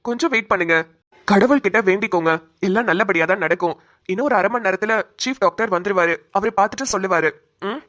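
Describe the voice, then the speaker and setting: A composed cartoon doctor, voiced by a woman, explains a grave situation in a calm, soothing manner. The voice sits at an ordinary middle pitch. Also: fast, natural voice. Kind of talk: cartoon voice acting.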